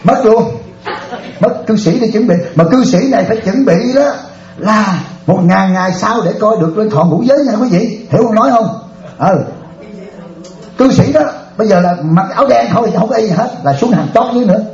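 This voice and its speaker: A man's voice: high-pitched, brisk, roomy sound, muffled recording. A Buddhist monk, animatedly telling stories in a dharma talk and often laughing with his audience. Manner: animated storyteller, often laughing, addresses listeners directly.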